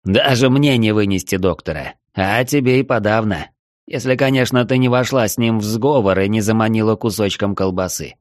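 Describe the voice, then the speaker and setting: A man's voice: on the low side, normal speed, no echo, studio quality, close to an everyday voice. A male reader voicing a brash, wisecracking young raft captain. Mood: jaunty.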